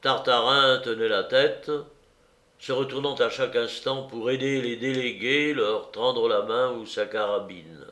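A man narrating a story aloud in a measured, expressive way. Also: medium pitch. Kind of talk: audiobook narration. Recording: roomy echo.

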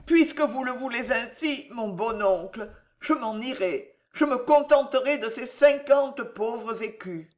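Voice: mid-range voice, a little slow, voice pushed up, close to an everyday voice. A reader voicing a frightened young nephew who pleads and feigns submission. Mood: feigned meekness.

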